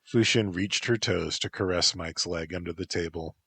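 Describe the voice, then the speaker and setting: A man narrating a story in a measured, even reading. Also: sits low, vocal fry, a little hiss or hum.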